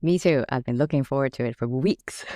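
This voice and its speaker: A woman's voice: extremely low pitch, brisk, dark tone, no room sound, clean studio sound. A woman hosting a podcast, reading a scripted intro and then interviewing a guest in a friendly, inviting way. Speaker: podcast host.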